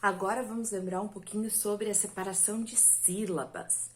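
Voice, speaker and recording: A woman's voice: mid-range voice, fairly even intonation, normal speed. A woman teaching a recorded lesson to children, patient and stretching words out syllable by syllable.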